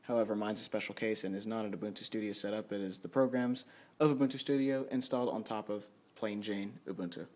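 Quick-paced and steady, this man's lowish, darkish voice carries an off-the-cuff tour of his home studio, delivered casually with some self-deprecation. He's in a dim room at his computer, recorded on a handheld camera or phone mic while music plays behind him.

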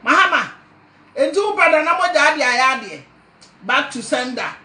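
A woman's voice: high voice, animated, moderate pace, sharp tone. An older Ghanaian woman speaking to a phone camera indoors, scolding, pleading and preaching at someone in an impassioned address. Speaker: party supporter. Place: indoor room at home. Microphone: phone camera close up.

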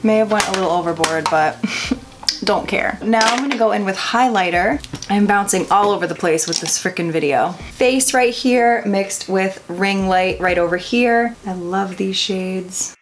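A woman's voice: medium pitch, unhurried, background noise. A woman in her twenties doing a casual, chatty makeup tutorial, giggly and tipsy, rambling with swearing and self-deprecation. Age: 20s. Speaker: makeup vlogger. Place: home bedroom, indoors. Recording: music playing behind the voice. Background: background music.

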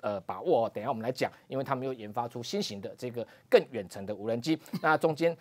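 A man speaks in a Taiwanese Mandarin accent as a studio commentator, laying out his analysis at a brisk, rapid clip. He ends phrases with drawn-out "哦" particles, and his voice sits in a middle pitch that leaps up for emphasis. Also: a little mellow. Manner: frequent "哦" particles, emphatic rises. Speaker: political commentator. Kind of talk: TV talk show analysis.

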